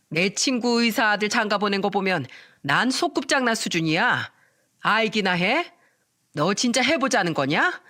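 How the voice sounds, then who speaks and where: A woman voicing an arrogant, contemptuous middle-aged future mother-in-law who belittles and yells, in a narrated story. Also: mid-range voice, natural voice. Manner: scornful, yelling, belittling.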